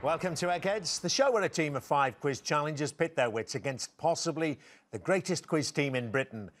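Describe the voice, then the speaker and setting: A man's voice: fairly high pitch, lively intonation, brisk, a little hiss or hum. A man hosting a television quiz show, reading questions and joking with contestants between laughs. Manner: jokey, laughs between lines. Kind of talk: scripted presenting and friendly banter.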